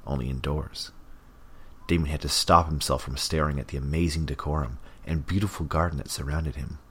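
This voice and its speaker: A man narrating an audiobook in a measured, even way. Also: extremely low pitch, slightly rough.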